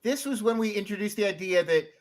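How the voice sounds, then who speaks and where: A man on a casual group show, riffing excitedly in long run-on sentences. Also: high-pitched. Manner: excitable, quick run-on riffs.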